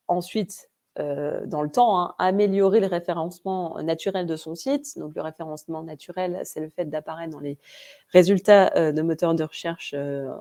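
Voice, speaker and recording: Her voice sits low and dark as she runs an online training webinar in a Vosges French accent. She keeps things informal, restarting often, filling gaps and slipping in chatty asides.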